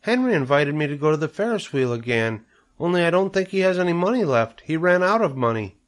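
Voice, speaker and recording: An excitable little farm girl, put on by a male narrator, pitched well above his own voice. She sounds eager and pleading, like a child in a storybook. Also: a little fast.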